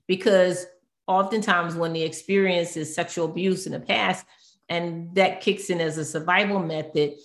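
A woman's voice: lowish voice, fairly bright tone. A woman speaking as a therapist in an earnest, conversational way, often searching for words and correcting herself mid-sentence. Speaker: therapist guest. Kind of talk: conversational expert talk. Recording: roomy echo.

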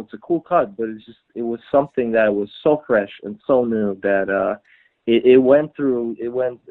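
A man talking casually about menswear in a podcast conversation, stopping and restarting his sentences often. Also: medium pitch. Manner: halting, many restarts and fillers. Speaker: customer service at a trouser maker. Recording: tinny phone-like line.

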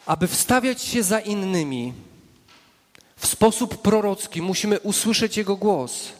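A man preaching and praying in an earnest manner, often slowing down and dropping his voice low for emphasis. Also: animated. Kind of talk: sermon with prayer. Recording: long hall reverb.

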